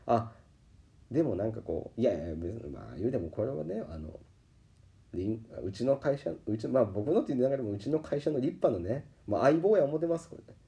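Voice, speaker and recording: Animated Kansai man with a dark voice. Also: mid-range voice, fairly quick, gravelly. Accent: Kansai Japanese. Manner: animated, acts out quoted voices. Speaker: podcast host. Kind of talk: casual storytelling monologue. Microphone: podcast microphone.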